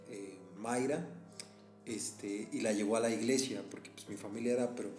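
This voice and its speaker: A man with a Mexican accent, a teacher on a podcast telling a personal story in a casual, animated way and laughing often. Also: fairly low pitch, normal speed. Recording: echoey room, faint music.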